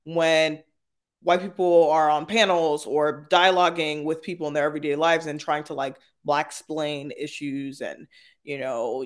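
A man with a fairly high-pitched voice talks as a guest in a panel discussion. He is opinionated and articulate, making points emphatically in casual speech sprinkled with "like" and "right?". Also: a bit bright.

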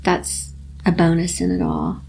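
A woman telling her story in a casual interview, animated and laughing often. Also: unhurried, creaky, slight background noise. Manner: animated, laughs often, acts out quotes in a high voice. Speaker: guest.

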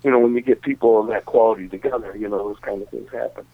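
A man's voice: lowish voice, fairly even intonation, fast, vocal fry, husky, dry recording. Rambling man on a tinny line. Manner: rambling, many fillers like you know and uh. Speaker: band member interviewed on radio. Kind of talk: casual radio interview chat. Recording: dry, tinny phone-like line.

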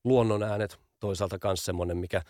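A man's voice: on the low side, fairly even intonation, a little mellow, dry recording, clean studio sound. A man being interviewed as an audio branding expert, explaining patiently and often repeating small fillers while he thinks.

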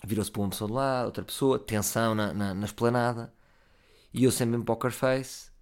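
Fast, animated Portuguese storyteller. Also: male voice, smooth. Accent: European Portuguese. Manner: animated, swings between loud and low. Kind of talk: comic storytelling.

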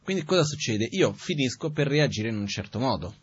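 A man giving a Buddhist teaching in a calm, conversational way, asking rhetorical questions as he goes. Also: medium pitch, a little fast, breathy edge, no room sound. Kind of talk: spoken dharma teaching. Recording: dull, dry, lo-fi recording.

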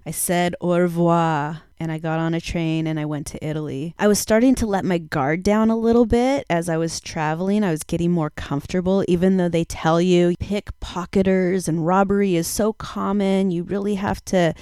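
Woman, forties, podcast host; frank and confessional storyteller, low-ish smooth voice, dry close sound. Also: normal speed, hardly any pauses, dark tone, no echo. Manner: confessional and frank, casual swearing. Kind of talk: candid personal storytelling.

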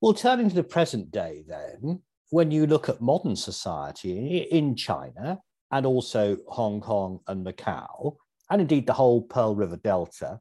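Male podcast host, animated pitch, husky tone, scripted intro then questions. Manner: lively, articulate questioning.

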